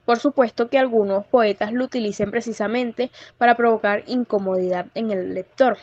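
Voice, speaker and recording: A woman's voice: a little high, a little mellow, dry recording, highs cut off. Young woman reading a verse lesson. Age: young adult. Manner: reads from a script, careful and measured, with small slips. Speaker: student presenter. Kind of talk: read-aloud lecture on Spanish verse.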